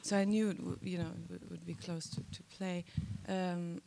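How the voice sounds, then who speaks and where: A woman's voice: lowish voice, flat delivery, normal speed, vocal fry, warm tone. A woman actress speaking candidly and playfully on a theater stage into a handheld mic, often restarting her sentences. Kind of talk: festival panel talk.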